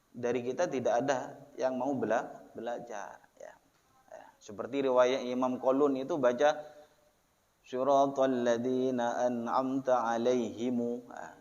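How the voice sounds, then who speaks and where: A man's voice: mid-range voice, a little mellow. A man with a Javanese accent giving a religious study lecture in a prayer hall. He reads the text with word-by-word glosses, then explains it, tagging nearly every phrase with "ya". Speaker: religious teacher. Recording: lo-fi with long hall reverb.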